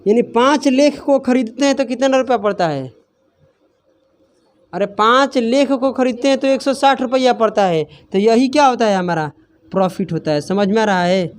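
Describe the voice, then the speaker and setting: A man teaching a maths class, who keeps asking his students questions and answers them himself. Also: very high voice. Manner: scolds students for laughing.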